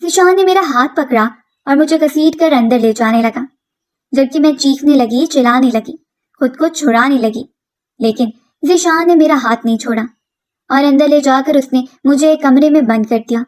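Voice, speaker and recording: High-voiced woman narrating a story. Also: moderate pace, darkish tone. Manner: earnest, dramatic storytelling. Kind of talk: scripted first-person story narration.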